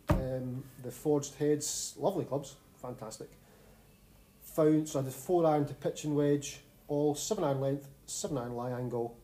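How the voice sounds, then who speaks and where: A man's voice: mid-range voice, warm tone, a little hiss or hum, rough recording. A man with a Scottish accent co-hosting a podcast in a casual, bantering chat about sport. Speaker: podcast co-host.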